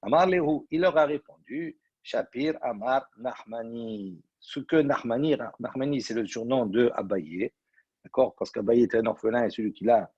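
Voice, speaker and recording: A man, a rabbi, teaching a Talmud study class. He explains step by step and reads Aramaic phrases slowly before translating them. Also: medium pitch, warm tone, husky, no echo. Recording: dull lo-fi recording.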